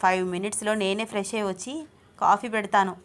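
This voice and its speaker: A woman's voice: mid-range voice, steady tone, fast, natural voice. Teasing, pushy young husband, read by a woman in a storybook; coaxing tone, ordinary talking voice. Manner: teasing, coaxing, calls his wife babe. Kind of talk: storybook reading.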